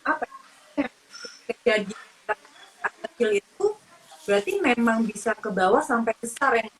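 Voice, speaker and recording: A woman's voice: fairly high pitch, moderate pace, slight background noise, low-quality recording. A woman host in a casual chat, giving frequent short agreeing responses.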